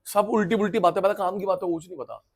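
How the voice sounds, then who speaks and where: A middle-aged man giving a lively, chatty classroom economics lecture, acting out students through everyday examples. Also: sits high, fast. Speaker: economics teacher.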